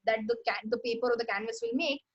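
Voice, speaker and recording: Young Indian-accented woman, high pitch, loose rambling livestream host who self-corrects. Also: fast talker, muffled recording. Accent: Indian English. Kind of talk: casual livestream talk on art history.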